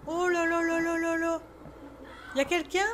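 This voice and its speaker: A woman's voice: very high-pitched, flat delivery, moderate pace, fairly bright tone, slight background noise. A young French woman streaming a horror game, jumpy and swearing, talking to herself as she gets scared. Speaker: gaming streamer. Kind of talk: let's play commentary.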